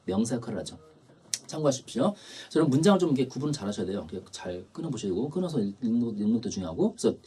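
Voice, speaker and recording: A man's voice: medium pitch, sing-song, racing, dark tone, husky. A man teaching an English test prep lecture, explaining grammar and repeating key terms.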